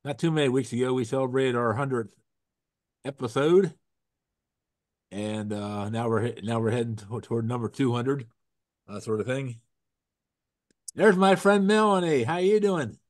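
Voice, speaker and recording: Hosting a casual show over a video call, a man whose voice is froggy from a cold rambles, restarts sentences, and slips in corny puns between long pauses. His pitch is medium and his speed normal, and the close, dry sound has no room echo.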